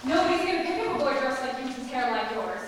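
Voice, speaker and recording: A persistent young waitress, played by an actress, teases and prods in a high voice. The sound comes from far off in a large echoing hall with a faint hiss. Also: female voice, animated, quick pace. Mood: teasing. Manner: needling, coaxing, dryly teasing. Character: young female night waitress, teasing and persistent. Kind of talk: stage play performance. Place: theatre stage.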